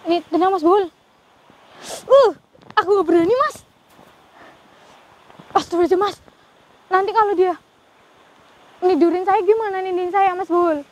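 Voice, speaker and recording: A woman with a very high voice hosts a ghost-hunting vlog. She sounds nervous throughout and keeps breaking into murmured prayers. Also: normal speed, long pauses, a little mellow, poor audio. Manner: fearful, praying aloud often. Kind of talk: live paranormal investigation vlog.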